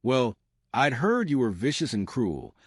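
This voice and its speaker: A man's voice: mid-range voice, big pitch swings, measured pace, slightly rough, no room sound, clean studio sound. A man voicing a chirpy, kind young heroine, speaking sweetly and teasingly in a comic read-aloud.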